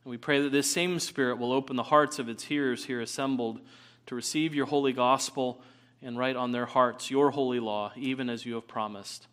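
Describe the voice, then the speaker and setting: An earnest male pastor preaching at a pulpit microphone in a church sanctuary. He leads prayer and reads scripture at a measured pace, filling pauses with an occasional "uh" as he sets up his text. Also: mid-range voice, steady tone, fairly bright tone. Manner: earnest, measured delivery with frequent "uh" fillers. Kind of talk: sermon with opening prayer and scripture reading.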